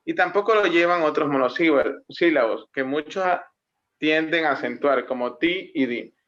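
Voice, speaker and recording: A male student giving a class presentation, explaining grammar rules and slowing down to read out example words. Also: a little high, fairly bright tone. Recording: muffled lo-fi recording.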